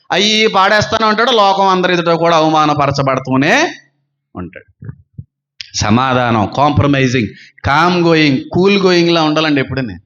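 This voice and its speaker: A man's voice: on the high side, a bit bright, highs cut off. A man preaching a sermon as pastor, piling up repeated rhetorical questions.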